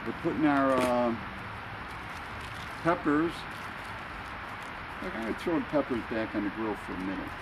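A man explaining each step as he cooks on an outdoor grill, in a relaxed, casual way. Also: medium pitch, unhurried, long pauses. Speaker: home cook. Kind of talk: casual cooking demonstration. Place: outdoor grill in a city at dusk. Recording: outdoor street noise.

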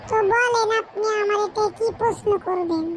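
A squeaky dim-witted cartoon job seeker. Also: moderate pace, slight background noise. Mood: clueless. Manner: squeaky, stammering, clueless. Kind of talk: comic cartoon dub.

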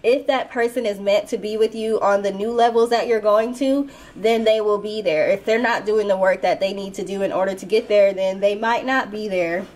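A woman's voice: medium pitch, steady tone, moderate pace, hardly any pauses, darkish tone. A woman hosting a casual spoken tarot reading as the reader. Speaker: tarot reader and channel host.

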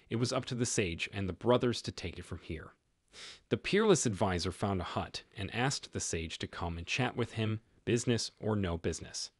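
Low, husky male recap narrator. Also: no echo, clean studio sound. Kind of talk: scripted story narration.

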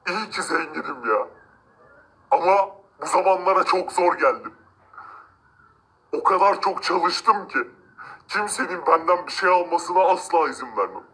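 A man's voice: high-pitched, expressive, moderate pace, pauses often, pushed and bright, heavily acted, rough recording. A man voicing an arrogant, cruel rich man who gloats, mocks and threatens villagers in a game-video drama. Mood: smug. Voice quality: gloating, mocking laughs. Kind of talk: amateur game role-play narration.

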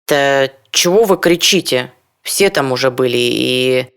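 Brief: reader doing a blunt, distrustful young city man with headphones round his neck, a touch higher than the narration. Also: a little slow, fairly bright tone, smooth. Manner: Russian-speaking, distrustful, blunt.

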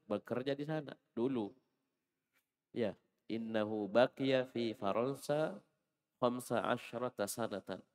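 A man's voice: mid-range voice, a little mellow, long reverb tail. A man teaching a classroom Arabic lesson, patiently explaining and correcting a student's reading. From Indonesia.

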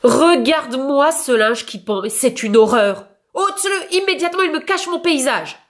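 A woman's voice: mid-range voice, very animated, normal speed, a bit bright. A woman voicing a grumpy, fussy male rabbit neighbor who scolds indignantly in a storybook reading.

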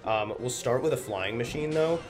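A man's voice: medium pitch, normal speed. A young man with a slightly congested, stuffy nose gives casual gameplay commentary as a gaming video host. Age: young adult. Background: loud music.

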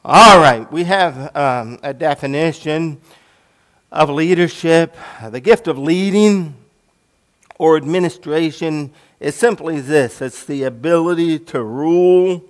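Earnest American pastor preaching. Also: male voice, a little high, slow pace. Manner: earnest, repeats "Lord" often in prayer. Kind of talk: sermon. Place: church sanctuary.

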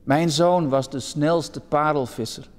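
A man reading out the part of an old, humble pearl diver in an earnest, slow and deliberate way, in a sermon anecdote. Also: on the high side, fairly even intonation. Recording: long church reverb.

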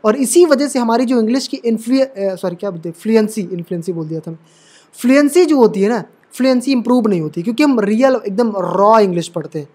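A man's voice: high-pitched, animated, quick pace, darkish tone. A man teaching English pronunciation rules at a board, explaining patiently and repeating himself often to check that students follow. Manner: calls viewers brother and dear. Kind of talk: classroom lesson at a board.

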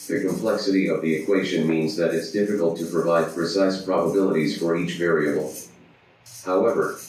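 A man's voice: sits low, a little mellow, close to an everyday voice. A man voicing a boastful, pompous robot chatbot that adds beep-boop noises, in a very echoey room, far from the mic.

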